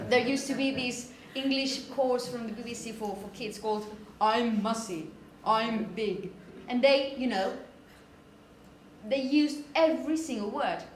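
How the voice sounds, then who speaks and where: This woman's voice is a little high and her pace measured as she lectures students in phonetics, explaining and emphasizing sample words and frequently pausing to check in. The recording has echo and background noise from an indoor classroom.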